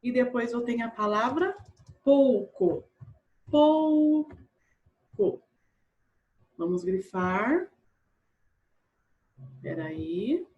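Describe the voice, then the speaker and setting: Woman, primary teacher, slightly high voice, patient, repeats words slowly, checks in with kids. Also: sing-song, muffled recording. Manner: checks in with pupils often. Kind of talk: recorded online grammar lesson.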